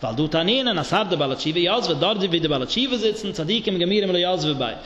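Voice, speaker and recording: Male rabbi, high bright chant-style Talmud lecture, roomy lo-fi hall recording. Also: lively intonation, quick pace. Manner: singsong study chant, mixing Hebrew and Aramaic terms. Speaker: rabbi teaching a Talmud class. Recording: echoey dull lo-fi hall recording.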